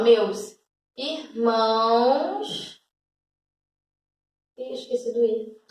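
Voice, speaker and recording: A woman teacher, explaining a school lesson patiently and checking in often with the class. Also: high voice. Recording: echoey room, voice far from mic.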